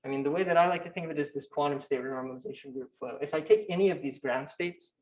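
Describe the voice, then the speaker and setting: A young man presenting a physics talk at a conference, his voice sitting a little high. He talks fast and technically, stumbling into restarts and fillers. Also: a little mellow, low-quality recording. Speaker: conference speaker. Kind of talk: academic talk.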